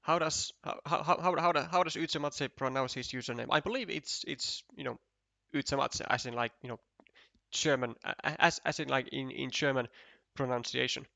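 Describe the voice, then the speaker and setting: A man's voice: mid-range voice, fairly even intonation, brisk, vocal fry, pushed and bright, dry recording. A man commentating a competitive board game match, thinking aloud, counting tiles and often restarting his sentences. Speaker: esports commentator.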